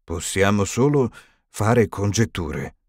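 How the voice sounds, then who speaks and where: A man voicing an old wise male wizard in an audiobook, speaking gravely and firmly. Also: fairly low pitch, animated, darkish tone, dry recording, clean studio sound, full character voice. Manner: slow, grave and firm.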